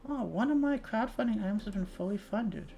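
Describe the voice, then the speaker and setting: A woman's voice: fairly high pitch, expressive, a little fast, creaky, warm tone, faint music behind. Chatty young woman streamer. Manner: chatty, swearing, reading chat aloud. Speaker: VTuber streamer. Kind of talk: casual livestream chat.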